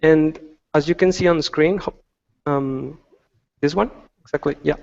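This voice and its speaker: Man, halting explanatory talk, fairly high voice, dull echoey recording. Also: vocal fry, darkish tone. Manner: halting, many restarts and fillers. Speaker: UX designer presenting research. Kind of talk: presentation on a video call. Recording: dull lo-fi sound with long reverb.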